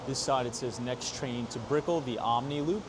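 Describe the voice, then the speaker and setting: A man's voice: mid-range voice, normal speed. A man hosting a walking tour vlog, chatting casually to his viewers as he goes. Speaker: tour vlogger. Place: outdoors in a city and on a train platform. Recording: city and train noise behind.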